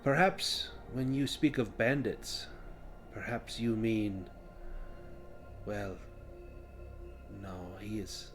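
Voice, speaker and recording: A man voicing a servile, sly goblinoid slave from a cave, halting and deferential in a tabletop game. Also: on the low side, over music. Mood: meek, evasive.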